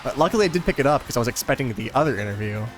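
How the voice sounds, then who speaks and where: Over soft background music, a gaming video host plays a racing game and talks in a medium-pitched, animated voice at a very fast clip. The young man's story wanders along easily, stuffed with filler words.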